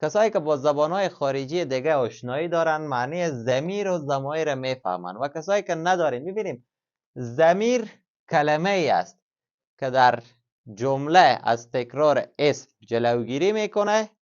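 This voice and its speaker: A man teaching a language lesson, patiently repeating example words slowly several times. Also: fairly high pitch, animated. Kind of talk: classroom-style language lesson. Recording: slightly dull lo-fi sound.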